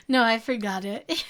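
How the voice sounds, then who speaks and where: A young woman streamer chats casually with her viewers, reading the chat aloud and giggling often. Her voice is high-pitched and fairly bright.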